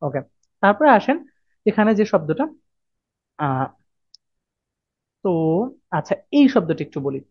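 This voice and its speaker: Brief: male teacher, rapid delivery, repetitive, asks then answers his own questions; dull dry lo-fi sound. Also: sits high, dry recording. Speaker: IELTS vocabulary teacher. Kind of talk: explaining a lesson to students.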